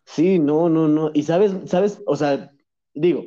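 Mellow-voiced man, dull lo-fi sound. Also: on the high side, slow pace. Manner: relaxed, laughing, with many repeats and restarts. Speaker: podcast guest. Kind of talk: casual interview chat.

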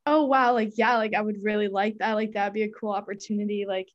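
A young woman, a student guest, telling her story haltingly with many fillers and getting emotional. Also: mid-range voice, fairly even intonation, highs cut off. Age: young adult. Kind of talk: casual storytelling.

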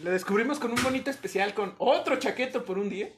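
A man's voice: high voice, fast, roomy sound, background noise. A man co-hosting a podcast, dropping wry joking asides. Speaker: podcast co-host. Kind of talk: casual chat.

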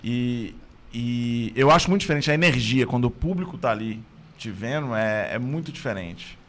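A man's voice: mid-range voice, lively intonation, normal speed. A man, a stand-up comedian talking casually and explaining his process in long, thoughtful stretches. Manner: thoughtful, explains at length with restarts. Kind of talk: casual chat.

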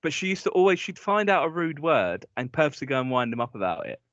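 Essex bloke chatting on a podcast, voice jumps all over, dull dry lo-fi audio. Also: male voice, fairly high pitch, very animated, fast, fairly bright tone, no room sound. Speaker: podcast co-host. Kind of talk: casual banter.

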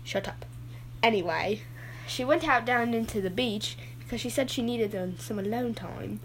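A woman's voice: on the high side, normal speed, fairly bright tone, slight background noise, low-quality recording. A woman voicing a goofy, rambling adult male dad who keeps getting sidetracked in his story.

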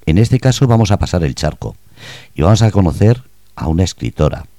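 A man's voice: low voice, very animated, brisk, warm tone, dry recording. A man hosting a radio interview, asking playful, probing questions. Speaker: radio host.

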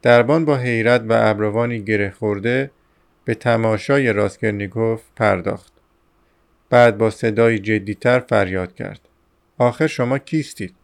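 Measured male audiobook narrator, resonant voice. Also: on the low side, gravelly. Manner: steady, measured reading. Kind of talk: scripted novel narration.

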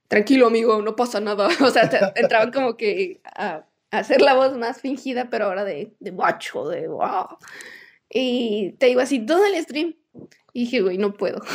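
A young Mexican woman co-hosting a podcast, telling stories animatedly, acting out quotes and laughing often. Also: on the high side. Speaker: podcast co-host. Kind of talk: casual chat.

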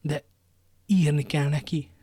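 A terrified young queen, voiced by a male audiobook reader speaks in pleading, breathless tones that keep dropping into whispers. The voice sits slightly high. The recording is close and dry. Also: fairly even intonation, mellow, breathy edge, no echo. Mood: desperate. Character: frightened young queen, pale and desperate. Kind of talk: audiobook reading.

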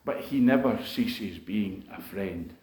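A man's voice: on the low side, takes it slowly, darkish tone. A man preaching to a congregation, telling a personal testimony in a conversational, emotional way, with frequent fillers and restarts. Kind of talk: sermon testimony. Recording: echoey room.

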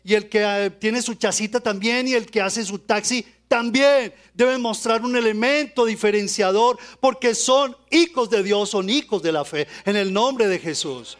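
A man preaching a sermon, joking with his congregation and asking them quick rhetorical questions. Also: high-pitched. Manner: joking, playful asides.

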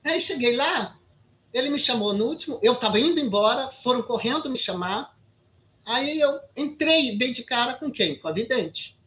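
A woman's voice: fairly high pitch, expressive, normal speed, a bit bright. A Brazilian woman in her sixties, an actress guesting on an interview podcast, tells a story emphatically with many restarts and "sabe?" asides. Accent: Brazilian Portuguese.

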